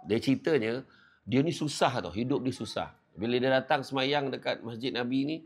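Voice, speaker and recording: A man with a Malaysian Malay accent giving a lively religious lecture, acting out the people in his stories. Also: normal speed, slightly rough. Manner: animated, acts out quoted voices, jumps high in pitch for emphasis. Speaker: preacher.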